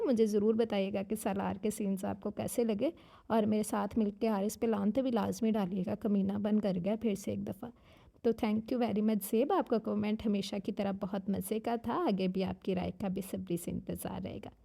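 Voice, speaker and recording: A woman with a sore, hoarse throat, chatting casually as a channel host while reading viewer comments, slipping English phrases into her speech. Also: mid-range voice, steady tone, normal speed, warm tone. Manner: talks while eating. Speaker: novel narrator and channel host.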